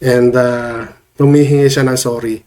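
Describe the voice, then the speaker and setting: A man with a head cold talks to camera for his vlog, his voice a touch off from the sniffles. He keeps the commentary loose and conversational, pausing to check in with his viewers every few phrases. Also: medium pitch, flat delivery, darkish tone. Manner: chatty, tags lines with questions to viewers. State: has a cold, voice a bit off. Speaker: vlogger commenting on online drama.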